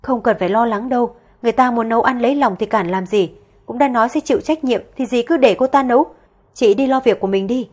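A woman's voice: a little high, fast talker, a little mellow, close to an everyday voice. A woman voicing a scheming, two-faced middle-aged stepmother who talks in a mocking, sneering way.

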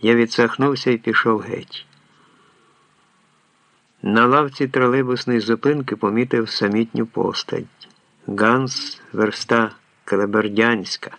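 A man narrating an audiobook in a measured storytelling way. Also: mid-range voice, steady tone, fairly bright tone, dry recording.

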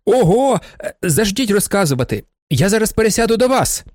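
A man playing an eager, excitable young dreamer. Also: high voice, moderate pace, dry recording, clean studio sound, pitched above the performer's own voice. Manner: eager, pressing questions.

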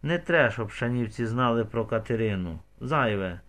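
Man reading as stern old village healer woman, brisk, matter-of-fact, calm, audiobook. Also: medium pitch, close to an everyday voice. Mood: firm.

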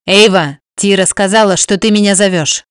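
A woman's voice: mid-range voice, normal speed, clear, resonant tone, no room sound, clean studio sound, natural voice. A woman voicing a stern male chieftain who speaks in curt, clipped commands.

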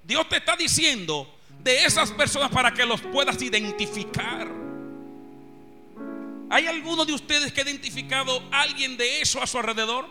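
Fervent preacher with a very high voice. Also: male voice, expressive, normal speed. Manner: fervent, calls on the congregation to repeat after him. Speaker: pastor. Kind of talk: sermon. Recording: music playing behind.

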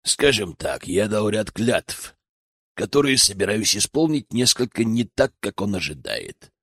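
Male ally for audiobook, voiced by the male narrator: lower register, calm and frank, dry studio sound. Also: unhurried, slightly rough, no room sound, exaggerated voice. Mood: grave.

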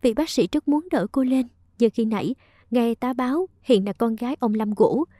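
A woman's voice: fairly high pitch, dark tone, dry recording, studio quality. A woman narrating a romance story aloud with emotive storytelling.

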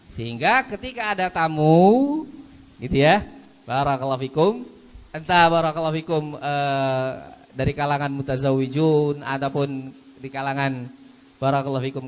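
A man on the high side, with a bit of brightness, leads a mosque lecture on a book about manners. Repeating a blessing phrase often, he acts out brief scenarios, and the recording carries a long hall reverb.

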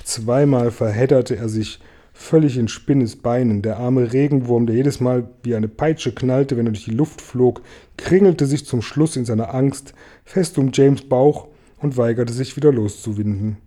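Deep-voiced man reading a storybook. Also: unhurried. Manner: lively, expressive storytelling. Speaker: reader. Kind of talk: reading a children's book aloud.

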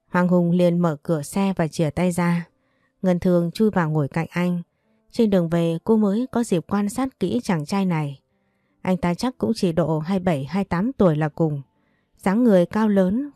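A woman narrating a romance story in a steady, scripted storytelling manner. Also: lowish voice, no echo. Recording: dry voice over faint music.

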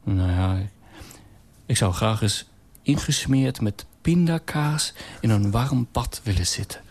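A man voicing a timid, stammering paper shredder in a radio story, speaking lower than usual. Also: a little slow, darkish tone. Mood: hesitant. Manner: stammering, hesitant. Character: timid new paper shredder, male, hesitant and meek.

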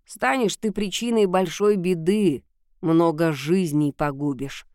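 A woman voicing an old, grumbling village witch who tells fortunes in a gruff, slow, mocking way. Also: lowish voice, darkish tone, dry recording, clean studio sound, close to an everyday voice. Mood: stern.

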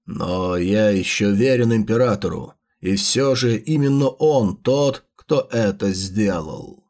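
A man voicing anguished, vengeful undead monsters in an audiobook, with drawn-out theatrical wailing. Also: on the low side, a little mellow, voice pushed down. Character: anguished vengeful undead chimeras, betrayed soldiers of rotten flesh. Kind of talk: dramatic audiobook character voices.

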